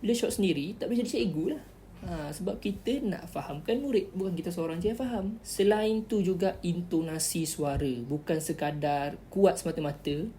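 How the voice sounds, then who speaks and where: This vlogger offers interview tips in a chatty, instructive tutorial, repeating key words to drive points home. Her voice is lowish and mellow at a normal speed, with a little hiss or hum in the recording.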